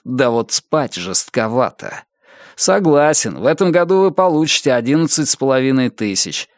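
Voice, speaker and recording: A man's voice: mid-range voice, no echo, clean studio sound. A man reading the part of a pushy middle-aged man who insistently lectures and needles a younger colleague.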